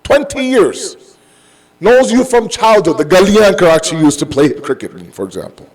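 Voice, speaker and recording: In a rough recording, a man with a high, slightly mellow voice preaches in a sing-song way at a moderate pace. His sermon is conversational and emphatic, built on rhetorical questions, everyday examples, and acted-out dialogue, with Urdu and Arabic phrases mixed into English.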